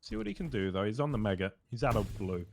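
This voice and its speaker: A man's voice: fairly low pitch, fast talker, slight background noise. A man casting a live esports match, joking and swearing in loose banter with his co-caster. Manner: jokey, swearing, lively banter. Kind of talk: live game commentary.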